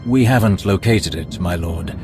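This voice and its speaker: An actor voices a formal, deferential Imperial spymaster in a game cutscene, with a music score playing behind him. His deep voice sounds close to everyday speech, and the advisor speaks in a reserved, courteous, deliberate manner.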